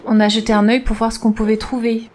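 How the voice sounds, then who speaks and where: High-voiced, offhand intelligence contractor played by a woman. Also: level tone, fast, darkish tone, natural voice. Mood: casual, candid. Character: candid, matter-of-fact intelligence contractor. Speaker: voice-over dub of an interviewee.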